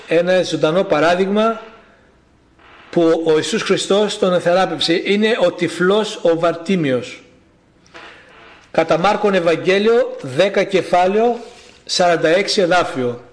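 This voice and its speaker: A man preaching a sermon, reading scripture aloud with fervent, measured pauses. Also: high-pitched.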